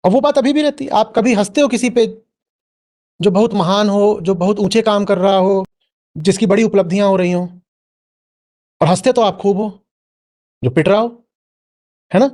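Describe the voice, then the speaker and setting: Man, spiritual talk to an audience, high-pitched, questioning. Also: moderate pace, pauses often, darkish tone. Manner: questioning, prods listener with "hmm?". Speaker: spiritual teacher answering an audience member. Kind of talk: spoken Q&A discourse.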